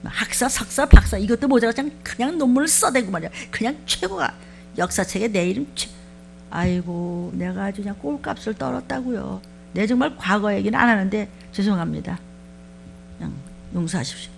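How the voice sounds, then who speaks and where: A woman pastor giving a sermon, talking to her congregation in a lively, conversational way and asking them many questions. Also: mid-range voice, creaky, a little hiss or hum.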